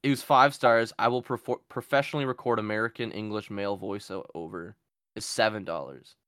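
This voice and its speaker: Low-voiced joking podcast host man. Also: fairly bright tone, clear, resonant tone, no echo, studio quality. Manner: joking, reads listings aloud with quick asides. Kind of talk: casual chat.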